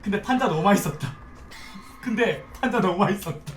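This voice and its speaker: Excitable high-voiced male game streamer. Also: brisk, soft background music. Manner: excitable, swears often, pleads loudly with teammates. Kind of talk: live gameplay commentary. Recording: roomy, distant mic, faint background noise.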